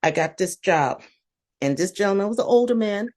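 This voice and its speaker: A woman in a casual interview conversation, telling a personal story in an animated, blunt, motivational way and quoting her own self-talk. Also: medium pitch, moderate pace. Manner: animated storyteller, talks to herself in quotes.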